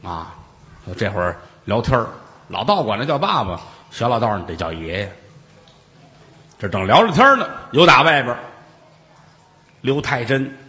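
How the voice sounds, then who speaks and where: Lively male storyteller. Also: on the low side. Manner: lively, chatty asides to listeners. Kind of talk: traditional oral storytelling. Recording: long reverb.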